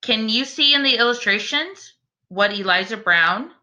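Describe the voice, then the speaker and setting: Reading a picture book to children, this woman teacher sounds expressive and deliberate, stopping to ask her young listeners questions directly. Her pitch is fairly high, her intonation lively, and her tone bright and forceful.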